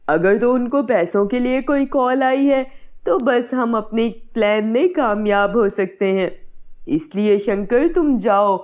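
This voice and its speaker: A woman's voice: fairly high pitch, unhurried, lightly acted. Woman voicing a firm, decisive neighbour man. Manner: firm, reassuring planning. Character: calm helpful male neighbour, steady and decisive. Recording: tinny phone-like sound.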